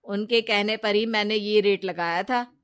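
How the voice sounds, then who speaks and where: A woman's voice: medium pitch, steady tone, normal speed, smooth, natural voice. A woman voicing a shrewd male property dealer who answers defensively.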